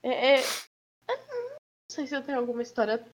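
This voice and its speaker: A woman's voice: sits high, sing-song, fast talker, muffled recording. A young woman, giggly and teasing in a casual chat with friends.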